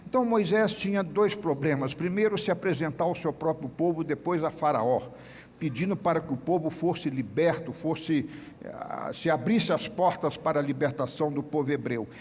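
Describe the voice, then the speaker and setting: A man leads a Bible study, reading scripture aloud and explaining it in a measured way. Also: on the high side, darkish tone. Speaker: Bible teacher. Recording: long reverb with faint noise.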